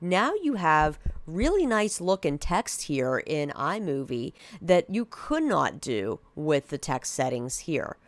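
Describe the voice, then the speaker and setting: A woman teacher talking students through a software task in a casual, direct classroom manner. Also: low voice, sing-song, slow pace, few pauses, no room sound. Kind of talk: screen-recorded software tutorial.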